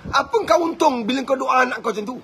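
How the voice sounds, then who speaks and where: A middle-aged man with a Malaysian Malay accent giving an impassioned religious talk on family, acting out prayers and rising to shouts. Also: very high voice, quick pace, slight background noise. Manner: impassioned preaching, acts out prayers, rises to shouts. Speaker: family motivational speaker.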